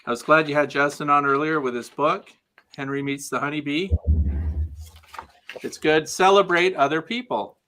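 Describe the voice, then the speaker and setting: A man chatting as a guest on a livestream video call, giving advice with deadpan dry humor. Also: a little high, a little fast, few pauses. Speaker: guest beekeeping video maker. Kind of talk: casual livestream chat.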